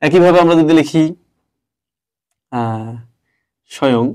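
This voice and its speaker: A man's voice: medium pitch, moderate pace, mellow. A male teacher giving a step-by-step grammar lesson, stopping often to ask his class questions.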